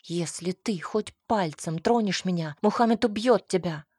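A woman's voice: lowish voice, moderate pace, warm tone, husky, no echo, studio quality. A woman voicing a frightened but defiant young married woman in an audiobook, speaking insistently. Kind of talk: audiobook character reading.

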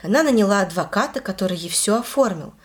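A woman's voice: medium pitch, expressive, quick pace, close to an everyday voice. Woman reading a confused, pleading husband, bewildered. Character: bewildered middle-aged husband, shaken.

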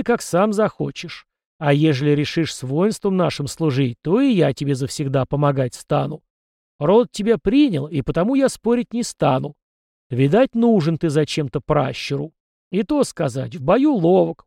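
A man voicing a gruff old village elder with a stern, teasing, folksy way of speaking. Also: fairly high pitch, very animated, normal speed, warm tone, dry recording, clean studio sound. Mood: gruff, wry.

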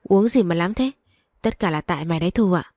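A woman's voice: on the low side, quick pace, dark tone, no room sound, studio quality, lightly acted. A woman voicing a scheming, scolding older mother-in-law in a storybook reading.

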